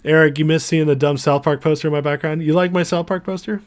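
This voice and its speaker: The American livestream host here is a fast talker with a fairly high pitch and a steady tone. Recovering from sickness, his voice is starting to go as he reads comments and chats informally with his viewers.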